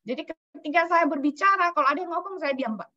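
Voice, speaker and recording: A woman from Sumatra telling an animated anecdote as a guest speaker. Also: very high-pitched, fast, highs cut off. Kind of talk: storytelling on a call.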